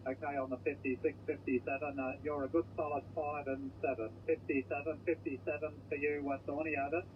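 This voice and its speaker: Male Australian radio amateur, monotone and casual, heard through dull radio with clear static. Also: on the high side, a little fast. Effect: crackly two-way radio. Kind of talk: casual ham radio chat. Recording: muffled shortwave radio with static.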